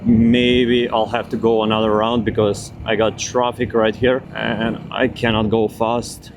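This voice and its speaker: A man casually thinking aloud while riding a small scooter outdoors, through a clip-on mic with noise reduction processing artifacts. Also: medium pitch. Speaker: vlogger testing a wireless mic. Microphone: small wireless clip-on mic. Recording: outdoor wind and traffic noise. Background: wind, engine and traffic noise.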